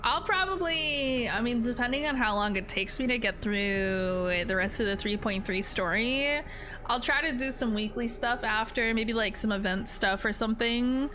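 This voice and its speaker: A woman's voice: on the high side, moderate pace, sharp tone, slight background noise. A woman streamer giving casual, rambling reaction commentary on a video game, jokey and informal. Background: game music.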